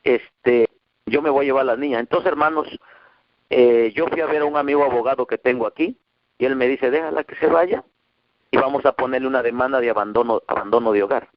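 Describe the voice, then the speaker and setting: A man's voice: fairly even intonation, fairly quick, no room sound. A man from Mexico preaching a testimony sermon to his congregation, telling his story with emotion and quoting the voices of others. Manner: emotional storytelling, quoting dialogue with rising pitch. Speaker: pastor. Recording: dull muffled dry sound.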